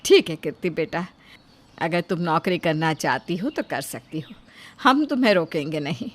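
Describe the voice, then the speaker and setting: A woman's voice: low-pitched, animated, normal speed, pitched below the performer's own voice. A woman voicing a blunt, uneducated mother-in-law from a village, scolding and outspoken. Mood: kindly. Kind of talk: Hindi storybook voice acting.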